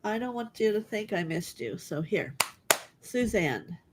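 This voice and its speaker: Soft-spoken, whispery middle-aged woman reader. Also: mid-range voice, expressive, a little slow, very noisy. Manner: soft and gentle, often slipping into a breathy half-whisper. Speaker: spiritual reader. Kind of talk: live online reading session.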